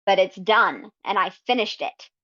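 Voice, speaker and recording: Thoughtful woman guest chatting about her writing, relaxed and unhurried, muffled lo-fi audio. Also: mid-range voice. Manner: unhurried, thoughtful, frequent ums. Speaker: guest fanfiction writer. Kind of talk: casual podcast interview. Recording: slightly dull lo-fi audio.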